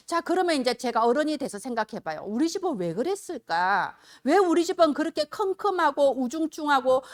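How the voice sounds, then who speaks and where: A woman's voice: sits high, no echo, studio quality. A woman preacher giving a Sunday sermon in a conversational, storytelling manner. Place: church service. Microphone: filmed on camera.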